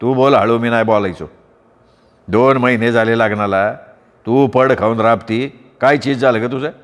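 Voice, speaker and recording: A man's voice: mid-range voice, normal speed, in a large hall, close to an everyday voice. A man playing a proud, hot-tempered young village husband who talks in a blunt, scornful way.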